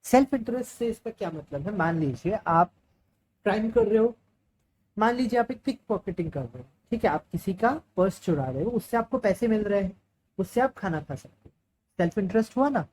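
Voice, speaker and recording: Indian-accented woman lecturer, warm voice, walks through points step by step, light noise on the recording. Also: mid-range voice, expressive, fairly quick, low-quality recording. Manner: explains step by step, asks and answers her own questions. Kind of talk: Hinglish classroom lecture.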